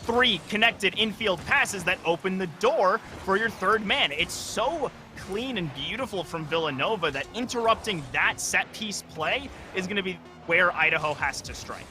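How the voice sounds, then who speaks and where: Bright-voiced young male esports caster. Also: sits high, moderate pace, hardly any pauses, faint music behind. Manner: energetic analytical play-by-play, frequent restarts. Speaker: esports color commentator. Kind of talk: live game commentary.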